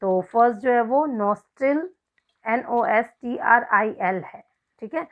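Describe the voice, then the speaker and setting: A woman teacher with an Indian accent walks through spelling rules in an online class, mixing Hindi and English. She talks very slowly and spells each word out letter by letter in a fairly high voice. The recording sounds muffled and lo-fi. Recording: dull lo-fi recording.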